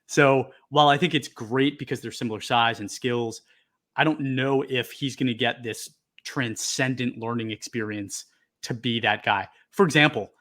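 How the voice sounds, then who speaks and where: A man's voice: mid-range voice, moderate pace, fairly bright tone. A man co-hosting a sports podcast, chatting casually and hedging as he thinks aloud. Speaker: podcast co-host.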